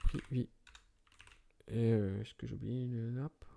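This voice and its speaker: In a screen-recorded IT tutorial, a man walks through computer setup commands one step at a time, fixing minor slips along the way. He speaks slowly in a mellow, medium-pitched voice with fairly even intonation and vocal fry, against slight background noise.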